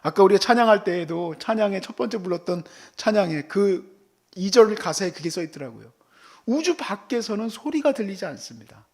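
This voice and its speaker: A man preaching a sermon, dropping to near whispers and then rising to loud, exclaiming outbursts, acting out the voices of the people in his story. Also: sits high. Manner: acts out God's and friends' voices in the sermon. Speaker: pastor. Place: church service.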